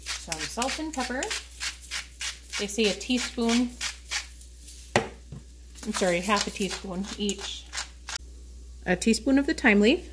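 She's an American woman hosting a casual cooking video at home, chatting as she works in a noisy kitchen in front of a tripod-mounted camera. Her medium-pitched voice is animated, but she takes it slowly and pauses often.

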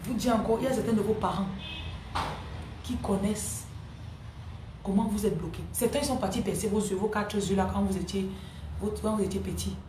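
A woman's voice: medium pitch, fairly quick, long pauses, echoey room, noisy background. A woman spiritual coach giving a live-streamed spiritual teaching, emphatic and repeating her key phrases, answering viewers' comments by name.

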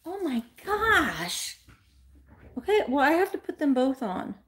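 A woman, chatting bubbly and fast to live viewers from a small room at home. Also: high voice, sing-song, a bit bright. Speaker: vintage reseller host. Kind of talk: casual live-stream chat.

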